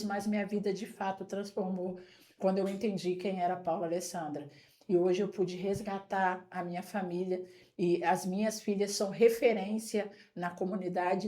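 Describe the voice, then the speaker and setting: An earnest Brazilian woman in her forties from São Paulo state speaks in a talk show conversation, offering testimony. Her voice is medium in pitch with a warm tone.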